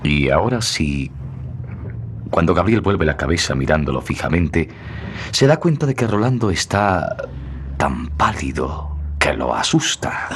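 An actor playing a solemn, emotive storyteller, reading scripted narration for a romantic melodrama. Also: male voice, rumbling low, sing-song, a little slow, slight background noise, exaggerated voice. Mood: solemn, tender.

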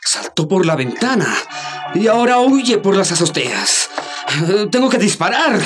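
An actor playing an agitated police chief in a radio serial, urgent and exclamatory. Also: male voice, sits high, big pitch swings, a little slow. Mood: exasperated urgency. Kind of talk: radio serial melodrama acting. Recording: dramatic music behind the voice.

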